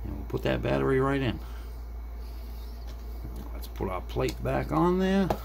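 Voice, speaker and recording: An unhurried, sing-song delivery marks this middle-aged man's gravelly, mid-range voice. He makes hobby repair videos and here casually thinks aloud to viewers while fixing something at an indoor desk, with no script. The clip has background noise and room ambience.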